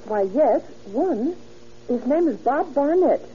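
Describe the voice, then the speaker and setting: Anxious housewife, high swooping voice. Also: female voice, slow pace. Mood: defensive. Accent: American. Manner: earnest, expressive, worried. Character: respectable, anxious American housewife burgled by sailors. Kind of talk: old-time radio drama acting. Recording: muffled, noisy old radio recording.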